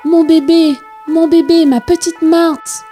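A woman voicing a young mother in a storybook, crying out in high, loud alarm. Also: normal speed, faint music behind, natural voice. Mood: frantic. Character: young mother, frantic to save her baby.

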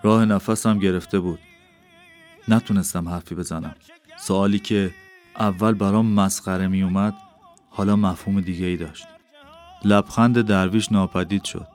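A man reading an audiobook as a first-person narrator, measured and unhurried. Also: low-pitched, steady tone, a little mellow. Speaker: audiobook reader. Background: faint background music.

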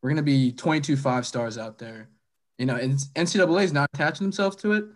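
A man's voice: a little high, quick pace. A young adult man, a podcast guest in casual sports chat, joking and hyped.

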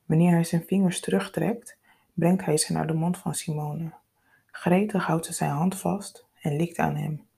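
A woman narrating a scripted story in a calm, intimate, unhurried way. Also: low-pitched, vocal fry, husky.

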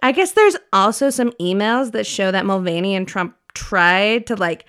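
A gossipy popular teenage girl with a bright, chirpy tone, played by a woman. She gushes in valley-girl slang as a radio sketch reporter. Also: mid-range voice, expressive, moderate pace, smooth, close to an everyday voice.

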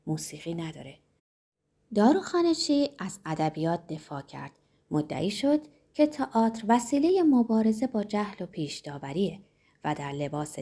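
A woman narrating a literary novel as an audiobook, in a measured, expressive storytelling manner. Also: mid-range voice, slightly rough.

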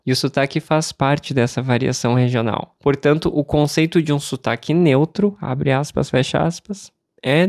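Calm Brazilian man teaching Portuguese. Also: mid-range voice, dry recording, studio quality. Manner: calm, explanatory, asks and answers his own questions. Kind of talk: podcast lesson for learners.

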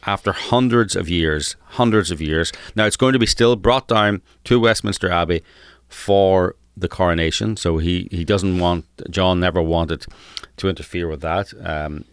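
Casual and conversational, a male podcast co-host spins stories and explains along the way, repeating words to stress them. His low voice is smooth, and the studio-quality recording has no room sound.

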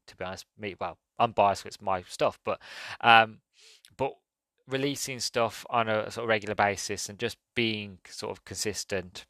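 A man chatting alone on his podcast, rambling and upbeat, with lots of ums and self-corrections. His voice sits a little low but has a bright, forceful edge. The sound is dry and close, with no room around it. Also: dry recording. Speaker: podcast host. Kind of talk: solo podcast chat.

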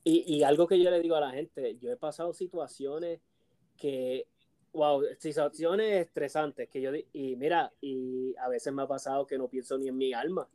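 A man, co-hosting a casual podcast chat, telling animated stories and laughing often. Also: medium pitch, moderate pace. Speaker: co-host.

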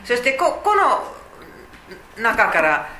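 A woman's voice: fairly high pitch, wildly swooping pitch, slow pace, bright, forceful tone, roomy sound, a little hiss or hum, low-quality recording. A woman teaching a Bible study, explaining chattily with fillers and asides.

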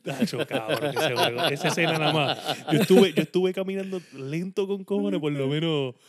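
Animated man telling stories. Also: on the high side, moderate pace, a loud crowd. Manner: animated storyteller, mixes in English words. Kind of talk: casual chat.

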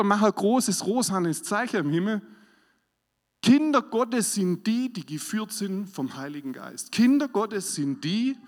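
A man preaching a sermon as pastor, swinging between loud emphasis and quiet asides. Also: high-pitched, gravelly. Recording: hall reverb.

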